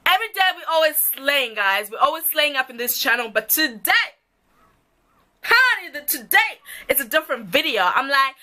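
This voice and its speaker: A young Zimbabwean woman YouTuber chats playfully with her viewers in a get-to-know-me vlog, laughing often. Her voice sits high with big pitch swings, moderate pace, and a pushed, bright quality.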